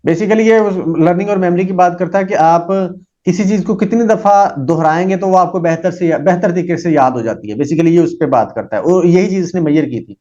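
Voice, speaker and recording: Man, psychology lecturer, higher mellow voice, hesitant explaining, lo-fi sound. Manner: slow when reading English, many fillers when explaining. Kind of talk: lecture reading English text and explaining in Urdu-Hindi. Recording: dull lo-fi recording.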